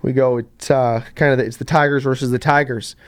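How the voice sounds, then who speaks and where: Young male podcast host, lively storyteller, casual chat. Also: brisk. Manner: animated storyteller, jumps to high pitch in quotes.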